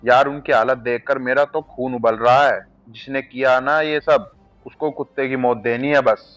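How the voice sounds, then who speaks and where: A man voicing a loyal young friend who speaks gently and reassuringly. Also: mid-range voice, fairly even intonation, normal speed, soft background music, natural voice. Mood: angry.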